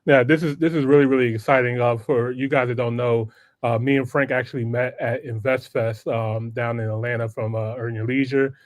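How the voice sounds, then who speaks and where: A man's voice: mid-range voice, steady tone, fairly quick, no room sound. A man hosting a live online talk show, chatting loosely with slang and frequent laughs. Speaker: podcast host. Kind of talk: casual live-stream chat.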